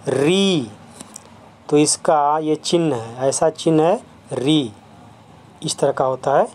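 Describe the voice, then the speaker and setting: A school teacher walks through a grammar lesson at an unhurried, deliberate pace, at a middling pitch. Each term is said twice, with English words slipped in. Questions are put to the class and answered straight away. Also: darkish tone. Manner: explains step by step, repeating each term; asks the class quick questions and answers them. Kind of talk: classroom lesson on letters and sounds.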